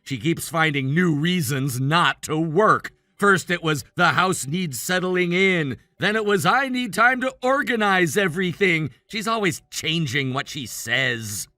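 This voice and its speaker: A man's voice: a little high, lively intonation, a little slow, few pauses, sharp tone, no echo. A man playing an exasperated, put-upon brother in a family drama, earnest and complaining. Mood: weary complaint. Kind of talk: acted dialogue in a narrated family drama.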